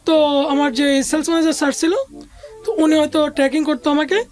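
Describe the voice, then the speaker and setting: Brisk and level in tone, a high, somewhat mellow female voice tells a personal anecdote. The speaker, a Bangladeshi-accented interview guest, talks in informal Bengali peppered with English business words while music plays under her.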